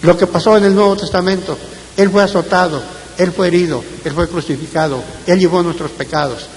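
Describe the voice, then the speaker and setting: A slightly high-voiced man preaching in a church hall, reading scripture in a measured, deliberate way. His phrase endings drop away softly. A long reverb rings behind him, with a faint hiss on the recording. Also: fairly even intonation. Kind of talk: Bible-study sermon with scripture reading.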